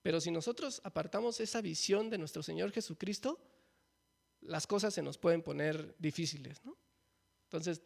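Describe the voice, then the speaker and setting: A man's voice: a little high, vocal fry. A man preaching a conversational sermon, asking the congregation questions and often adding a folksy "¿no?". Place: church.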